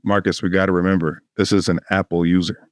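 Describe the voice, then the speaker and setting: A man's voice: low-pitched, flat delivery, fast talker, no room sound, studio quality. A man co-hosting a podcast, debating casually in street slang with some swearing. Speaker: podcast co-host.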